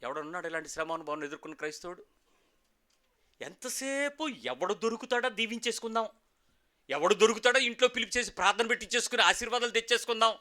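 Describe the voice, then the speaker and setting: A man's voice: high voice, racing, sharp tone. A man preaching a sermon as pastor, emphatic, asking rhetorical questions and prompting the congregation to repeat after him. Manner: emphatic, call-and-response with the congregation.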